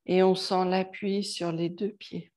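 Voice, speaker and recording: Female yoga instructor, soft counted cues, dark mellow tone, slow delivery. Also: on the low side. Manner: slow, calm cueing with soft counted breaths. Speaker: yoga teacher. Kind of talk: guided yoga class instruction.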